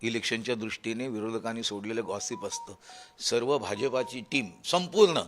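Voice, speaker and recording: Slow, deliberate candidate. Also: male voice, medium pitch, soft background music. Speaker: interviewed candidate. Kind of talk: news interview answers.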